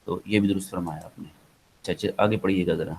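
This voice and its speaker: A man's voice: low-pitched, steady tone, gravelly, a little mellow, slight background noise, low-quality recording. A man with a Pakistani accent giving an online lecture, rambling with many fillers and slipping into English. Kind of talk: online lecture, casual explaining.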